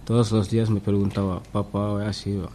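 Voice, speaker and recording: A man's voice: on the low side, level tone, fairly quick, heavy background noise. A man from Senegal, a Serer speaker, reading his own simple text with small slips on a school radio show.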